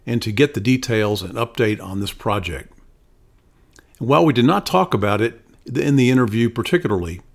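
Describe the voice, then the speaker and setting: A man hosting a podcast, reading an introduction and then asking questions with many hesitations and restarts. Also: lowish voice. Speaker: podcast host.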